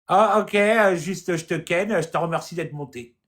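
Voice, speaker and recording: A man's voice: high voice, moderate pace, a bit bright. A man hosting a live stream who chats with callers in a joking, hesitant way full of fillers. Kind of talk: casual live chat with viewers. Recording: roomy echo.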